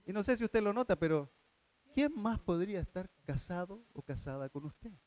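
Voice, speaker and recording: High-voiced impassioned pastor. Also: male voice, animated, moderate pace. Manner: earnest, swings from hushed to impassioned. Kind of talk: sermon.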